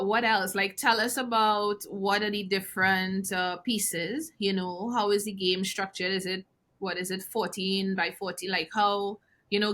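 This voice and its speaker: A woman's voice: medium pitch, pushed and bright. A woman hosting a podcast, asking curious, chatty questions with plenty of fillers. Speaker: podcast host. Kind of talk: casual interview questions.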